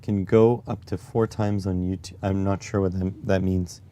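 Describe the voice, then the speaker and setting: A man with a raspy voice live-streaming while testing circuit boards, muttering to himself as he works and reading chat aloud. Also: deep voice, flat delivery, moderate pace, dark tone. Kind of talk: casual live-stream electronics tinkering.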